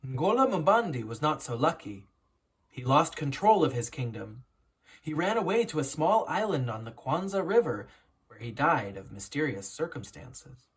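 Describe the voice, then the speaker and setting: In a slightly husky, medium-pitched voice with big swings in pitch, an educator reads a children's picture book as a story. She teaches as she goes, emphasizing words deliberately.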